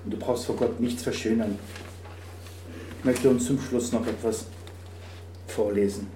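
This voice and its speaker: A man preaching a sermon, swinging from quiet to loud and acting out dialogues. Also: medium pitch, steady tone, a little slow. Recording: roomy, from a distance, faint noise.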